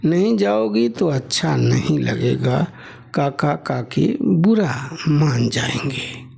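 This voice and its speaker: A man's voice: a little high, animated, takes it slowly, creaky, a little mellow, husky, heavily acted. A man reading a novel aloud, voicing a poor, hardworking young husband who pleads and soothes in a resigned way. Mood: pleading.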